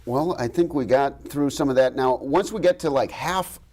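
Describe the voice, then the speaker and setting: A TV news host tells a story in an animated, self-deprecating way, often breaking into light laughter. His delivery is chatty, with sudden bursts of speed. His voice sits at an ordinary middle pitch. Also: moderate pace. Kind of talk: casual TV studio chat, anecdote. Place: TV news studio.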